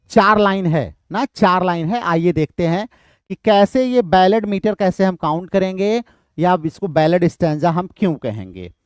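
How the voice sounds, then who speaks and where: A man's voice: high-pitched, a little mellow, clean tone, no echo, clean studio sound. A man teaching literature for exam prep, explaining step by step, repeating key terms and answering his own questions.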